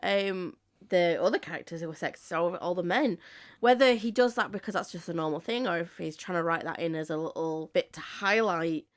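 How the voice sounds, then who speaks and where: A woman with a Yorkshire accent and a slightly low voice chats on a podcast. She rambles, restarts and carries on with lively opinions. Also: fairly quick. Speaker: podcast panelist. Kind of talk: casual chat.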